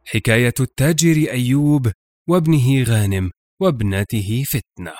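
A man's voice: mid-range voice, moderate pace, darkish tone, soft background music. A man narrating a scripted literary tale in a formal, classical Arabic storytelling manner. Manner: formal classical Arabic recitation, acting out dialogue. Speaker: podcast host and storyteller.

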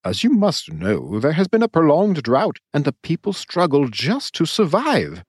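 Man reading a smooth, genial lord in his forties, measured and lively in pitch, dry close sound. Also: no room sound, exaggerated voice. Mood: concerned. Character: charming middle-aged male ruler, smooth.

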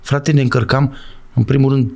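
A man's voice: medium pitch, gravelly. A middle-aged man, a former footballer, telling stories in a casual interview, talking emphatically and calling out to his listener. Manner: animated, emphatic, calls the listener "bă" and "frate".

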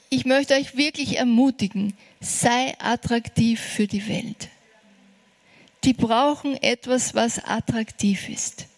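A woman preaching a sermon, earnest and encouraging, slowing down for emphasis. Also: on the high side.

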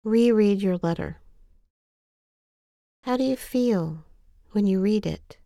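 A woman narrates a guided exercise with a compassionate, gentle touch. Her voice is mellow and relaxed, with a noticeable creak, and she takes her time. The sound is close and very dry. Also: medium pitch, dry recording. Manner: gentle, compassionate, unhurried coaching. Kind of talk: scripted guided self-care exercise narration.

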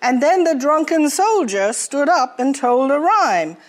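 A woman's voice: high-pitched, sing-song, measured pace. A woman narrating a rhyming tale in a sing-song way, inviting listeners to join in a refrain. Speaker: storyteller.

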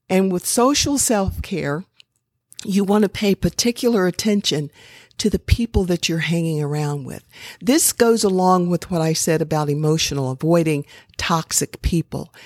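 A woman speaks slowly and earnestly, offering gentle self-care advice as a podcast host. Her voice sits a little low, and the sound is close and dry with no room around it. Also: no room sound. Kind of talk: unhurried faith-based self-care talk.

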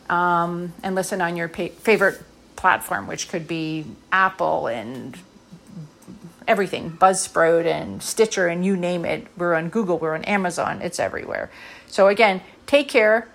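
Middle-aged woman podcast host, low-set voice, sincere and meandering, heavy on "um"s. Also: fairly bright tone. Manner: earnest, rambling, with many fillers. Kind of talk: casual heartfelt monologue.

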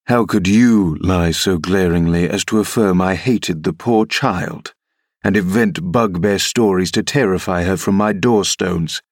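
Menacing middle-aged gentleman for an audiobook, read by a man: commanding, sly, lowish pitch. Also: unhurried, dry recording, studio quality. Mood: wheedling. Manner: mocking, commanding, insinuating. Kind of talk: audiobook character reading.

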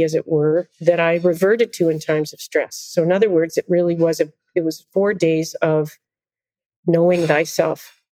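A middle-aged woman speaks in a somewhat low voice, telling animated, self-deprecating stories in a relaxed interview. The sound is close and dry, with no room echo. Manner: animated, self-deprecating anecdotes with frequent laughter. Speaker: conductor and podcast guest. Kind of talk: casual interview storytelling.

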